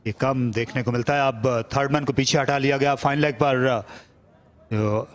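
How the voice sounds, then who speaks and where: A Pakistani man giving measured live play-by-play cricket commentary in descriptive, formal wording. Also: medium pitch, fairly even intonation.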